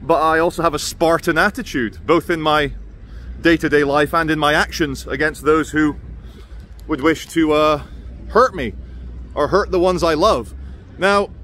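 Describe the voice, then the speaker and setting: Higher-pitched man with whistling sibilants. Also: fairly even intonation, normal speed, fairly bright tone. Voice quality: slight whistle on "sh" sounds. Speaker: vlogger. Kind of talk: rambling opinion monologue to camera. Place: busy open city square outdoors. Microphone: phone at arm's length. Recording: noisy outdoor city ambience with traffic.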